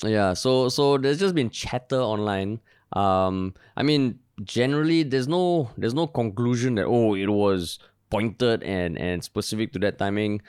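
A man's voice: fairly low pitch, a little slow, darkish tone, smooth, no echo, clean studio sound. A man with a Singaporean accent chatting casually on a podcast as co-host, in informal, bantering Singlish sprinkled with "lah".

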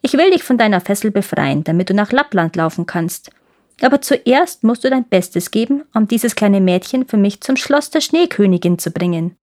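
A woman's voice: medium pitch, expressive, moderate pace, a little mellow, close to an everyday voice. A woman voicing a fierce, bossy little robber girl who talks bluntly and teasingly in a storybook reading.

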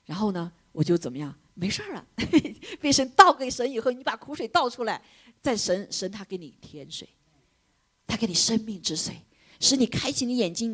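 A middle-aged woman preaching a sermon, switching between loud exclamations and hushed whispers. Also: on the high side, breathy edge.

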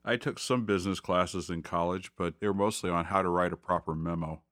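A man's voice: sits low, fairly even intonation, brisk, fairly bright tone, dry recording, clean studio sound. A man co-hosting a podcast, talking in an easygoing, dryly joking way. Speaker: podcast co-host and voiceover artist. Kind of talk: casual chat.

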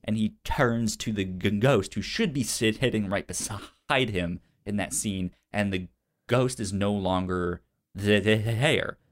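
Talking movies in a relaxed way, this podcast co-host sounds eager and keeps a measured pace in a lowish register. His stutter makes him repeat sounds and syllables.

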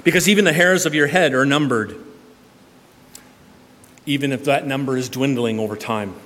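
A male pastor preaches in an everyday conversational manner, mid-range in pitch, rising to loud emphatic bursts and then dropping to a near hush. His voice carries a long reverb from the church sanctuary. A faint murmur of room noise sits under it. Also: normal speed. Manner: conversational preaching with sudden swings from loud to hushed. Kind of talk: sermon.

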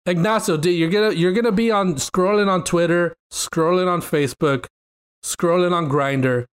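A man with a fairly high voice co-hosts a casual gaming podcast. He reads news bullet points and cracks jokes. His delivery is animated and playful. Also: normal speed, clean tone. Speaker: podcast co-host.

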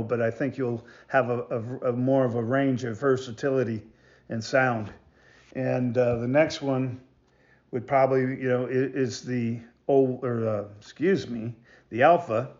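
A man giving a casual product demonstration as a maker of hunting calls, talking in a halting, rambling way and often repeating himself. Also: mid-range voice, highs cut off. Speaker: goose call maker presenting products.

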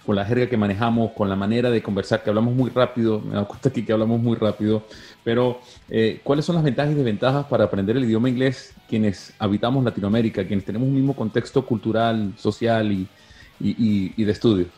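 A man interviewing a guest, asking long questions and pausing to search for words. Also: on the low side, mellow, soft background music.

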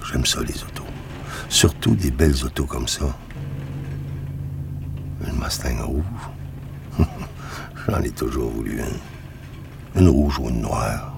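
Very deep gravelly weary loner. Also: male voice, background noise, exaggerated voice. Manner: weary, low, soft-spoken. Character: tired lone man wandering, fond of cars. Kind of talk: first-person radio drama narration.

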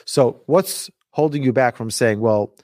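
A man teaching religion like a rabbi, telling stories emphatically with rhetorical questions and deliberate repetition. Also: mid-range voice, darkish tone, no echo, studio quality. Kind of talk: lively religious lecture with storytelling.

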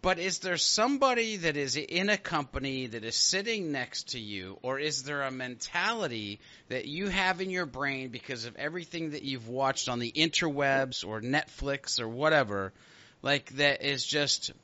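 Male host, very bright, sharp voice, chatty and rambling; dry, dull lo-fi audio. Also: mid-range voice, expressive, normal speed, dry recording. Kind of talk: casual interview questions.

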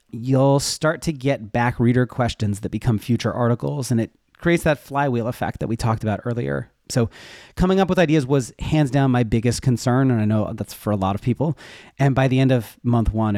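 Here a web development educator talks as a podcast guest, his medium-pitched, mellow voice moving briskly. The recording is dry and studio-clean, and his casual interview talk stays candid and conversational as he explains things from personal experience.

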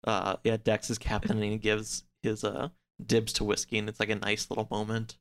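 His voice sits on the low side, with a completely flat delivery at a moderate pace. This podcast guest chats casually, telling a rambling, loosely pieced-together story packed with "like."

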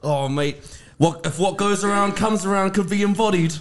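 Higher-voiced man, Māori New Zealand accent. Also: moderate pace, soft background music. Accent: Māori New Zealand English. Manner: jokey, sweary banter. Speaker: podcast host. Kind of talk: casual chat mixing in Māori words.

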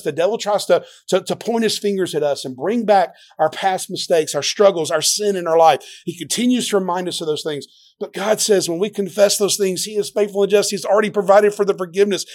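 A man with a somewhat high voice preaching a sermon as pastor. He talks earnestly and with passion, often restarting and repeating words. His delivery swings between loud stressed phrases and quieter asides.

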